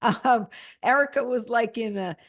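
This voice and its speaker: A woman's voice: fairly high pitch, a little slow, no room sound. Chatty woman with a dry close mic. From Boston area, USA. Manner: chatty, laughs often, restarts mid-sentence. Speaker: podcast co-host. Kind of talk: casual chat.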